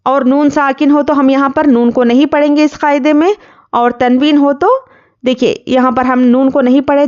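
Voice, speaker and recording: A woman teaching Quran recitation, spelling out letters and vowel marks one by one and blending them into words, with brisker plain explanations in between. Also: high-pitched, a little mellow, dull audio. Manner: explains quickly in a conversational teaching tone. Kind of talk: slow syllable-by-syllable spelling drill.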